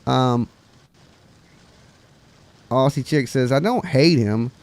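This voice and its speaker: A man's voice: medium pitch, slow, crowd noise. Folksy man with a Southern hillbilly accent. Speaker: live stream host. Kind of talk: casual live call-in chat.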